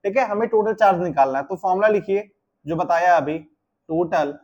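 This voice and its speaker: A man's voice: high voice, moderate pace, a little mellow, muffled recording. A man teaching a chemistry class, explaining step by step and asking and answering his own questions. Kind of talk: classroom lecture.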